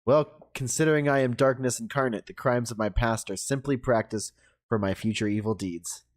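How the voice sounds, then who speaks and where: A man's voice: medium pitch, normal speed, lightly acted. A male game actor playing a detective who hams up a pompous immortal vampire with theatrical declamation, in a video game. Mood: grandiose. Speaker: detective hero of a story game.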